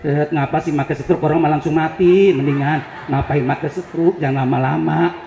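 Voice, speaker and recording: A man's voice: a little high, fairly even intonation, a little fast, creaky, mellow, reverberant, slight background noise, pitched below the performer's own voice. A man voicing a nagging wife who scolds her sick husband in an impatient, grumbling way. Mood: scolding.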